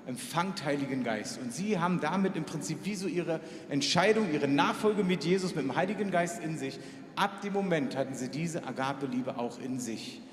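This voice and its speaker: Earnest preacher man in echoey hall. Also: moderate pace. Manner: earnest, direct address to listener, pitch swings when quoting prayers. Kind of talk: sermon. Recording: echoey hall with faint ambience.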